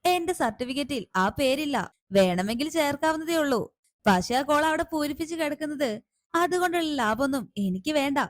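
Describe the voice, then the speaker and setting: A woman doing a calm, gently firm young woman. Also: sits high, normal speed. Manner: calm, gently reasoning and pleading. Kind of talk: serial recap with acted dialogue.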